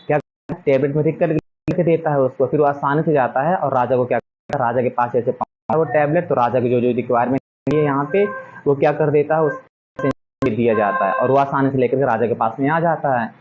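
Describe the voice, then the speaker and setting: A man's voice: medium pitch, fairly quick. Man lecturing a class, dull lo-fi sound. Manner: mixes English textbook phrases into casual Hindi explanation, many rhetorical questions. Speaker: teacher. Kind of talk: classroom lecture explaining a textbook. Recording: dull lo-fi recording.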